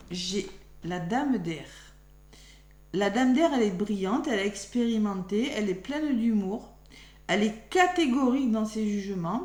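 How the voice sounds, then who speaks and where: A French tarot reader, her voice nearly gone, speaks softly and chattily in a weekly astrology card reading for her followers, thinking aloud as she draws cards. Her pitch is on the high side, and the room is echoey with a faint hum.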